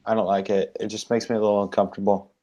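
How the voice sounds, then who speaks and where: A young man with a lowish voice talks loosely as a guest on a casual online hangout. He rambles and hedges, restarting his sentences, and sounds a bit self-conscious. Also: level tone, racing, dark tone.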